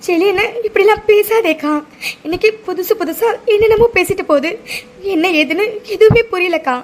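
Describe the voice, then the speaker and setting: A woman's voice: very high voice, fairly quick. A woman voicing an anxious, caring young sister who presses with emotional questions. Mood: upset, questioning. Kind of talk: cartoon voice acting.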